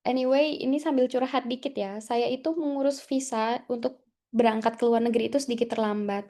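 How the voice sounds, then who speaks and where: Chatty high-voiced woman teacher. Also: dark tone. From Indonesia. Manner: chatty, with many tag fillers and English words mixed in. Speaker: guest speaker at an English class. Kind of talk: storytelling talk to students.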